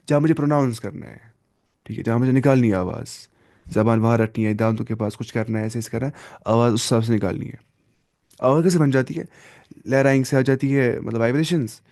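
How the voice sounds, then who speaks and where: A man's voice: mid-range voice, darkish tone, no echo, clean studio sound. A man teaching a Quran tajweed lesson. He mixes English terms into his explanations and asks and answers his own questions.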